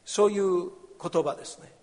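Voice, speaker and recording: A man's voice: high-pitched, moderate pace, a little mellow, big-room sound. A man preaching a sermon as a pastor, explaining a scripture passage and acting out the cries of the people in it. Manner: explains scripture, acts out the beggar's and crowd's cries.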